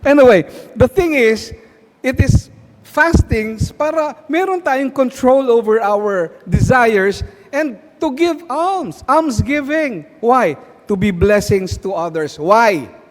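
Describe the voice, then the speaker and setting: Filipino male preacher, fairly high voice, slow and deliberate, hall reverb. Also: expressive. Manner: switches between Tagalog and English, asks the crowd questions. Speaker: guest preacher. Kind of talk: sermon at a prayer meeting.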